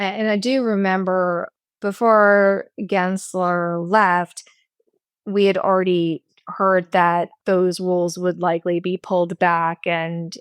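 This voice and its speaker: A woman's voice: lowish voice, clear, resonant tone, no room sound. A middle-aged woman co-hosting a podcast, speaking casually and chattily with wry asides. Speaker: podcast co-host. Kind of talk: conversational podcast chat.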